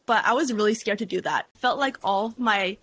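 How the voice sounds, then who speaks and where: A woman's voice: mid-range voice, brisk, fairly bright tone, slightly rough. A woman in her twenties, a beauty content creator, chatting casually as a podcast guest and saying "like" often. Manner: chatty, heavy use of "like". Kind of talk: casual interview chat.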